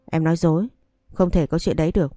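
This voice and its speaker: A woman's voice: deep voice, fairly even intonation, fast, warm tone, no echo, clean studio sound, faint music behind, natural voice. A woman voicing a stubborn, heartbroken young man who confronts his mother and his old love in a read-aloud story. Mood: pleading.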